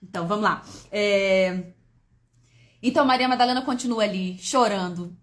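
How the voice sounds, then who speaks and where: A woman's voice: mid-range voice, a bit bright. A woman hosting a casual devotional live stream, reading scripture with emotional exclamations and calling out her viewers by name. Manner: sings hymn verses slowly. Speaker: Bible study host on a live stream. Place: apartment.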